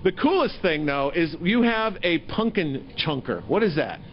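A man's voice: fairly high pitch, sing-song, normal speed, dull audio, a little hiss or hum. A man reporting live from an outdoor farm on a handheld mic, joking and upbeat. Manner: jokey, upbeat. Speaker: field reporter.

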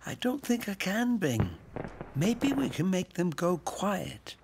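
An actor voicing a small, gentle male caretaker creature in a preschool cartoon, speaking softly and patiently. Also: high-pitched, big pitch swings, takes it slowly, creaky, noisy background, full character voice. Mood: soothing. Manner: soft, patient and reassuring. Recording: music bed under dialogue.

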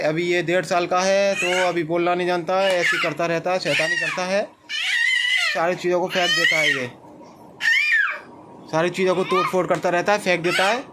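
A man's voice: high-pitched, fairly even intonation, moderate pace, background noise. A man filming a home vlog, playfully coaxing a small child in a sing-song voice and laughing as he talks to viewers. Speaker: home video vlogger, the baby's uncle.

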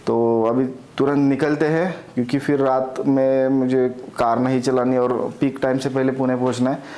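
A man's voice: mid-range voice, little pitch movement, normal speed, dark tone. A man in his forties from India, vlogging casually on a lapel mic while feeling unwell, rambling with fillers. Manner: chatty, rambling, fillers like yaar. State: unwell, upset stomach. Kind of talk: casual travel vlog. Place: home, car, roadside eatery. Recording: noisy background, road and vehicle sounds.

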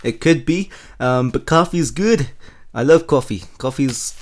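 A young man giving casual let's-play commentary over his own gameplay, excitable and quick to laugh. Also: medium pitch. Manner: excitable, laughs often, shrieks at surprises. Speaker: gaming channel host.

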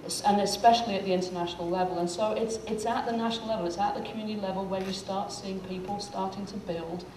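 A woman's voice: mid-range voice, steady tone, fast talker. A middle-aged woman on a conference panel speaks reflectively, gesturing as she talks and restarting phrases. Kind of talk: panel discussion remarks. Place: conference stage, indoors. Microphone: lapel mic. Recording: echoey hall, distant mic, noise.

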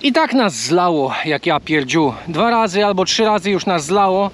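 A high-voiced man chats casually to the camera while cycling a trail outdoors. A faint hum of open air sits under his voice. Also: expressive, normal speed, a bit bright. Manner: chatty, coaxing talk to a bird. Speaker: travel vlogger. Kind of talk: casual travel vlog.

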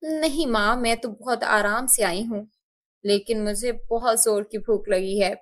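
A woman's voice: a little high, a little slow. A woman voicing a spoiled, demanding daughter in a cartoon story. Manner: whiny, demanding.

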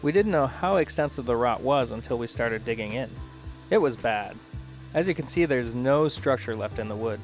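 A man in his thirties calmly narrating a boat-repair vlog as its host. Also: mid-range voice, moderate pace, music in the background. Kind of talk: scripted voice-over narration.

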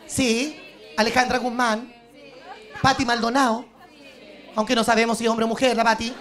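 A woman with a Chilean accent doing a brassy, animated stand-up monologue, acting out the voices of others. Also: a little high. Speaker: stand-up comedian. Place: TV studio stage. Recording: live show with loud audience laughter. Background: audience laughter and crowd noise.

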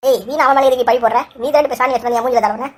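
Woman voicing a grumbly old village guy in a cartoon, high thin voice, rattles off complaints super fast, always scolding. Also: steady tone. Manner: chatty, scolding, quick to take offense. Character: elderly village man, fussy and grumbling. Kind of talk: cartoon voice acting.

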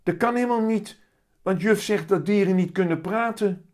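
A man doing a high, excited little boy. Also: a little slow. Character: young boy, shy and eager. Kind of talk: reading a children's book aloud.

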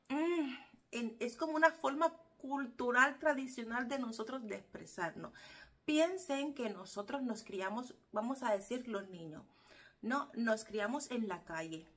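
A woman's voice: fairly high pitch, a bit bright. A Cuban woman vlogging casually to her viewers, explaining things expressively and acting out quotes. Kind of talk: casual talk to camera.

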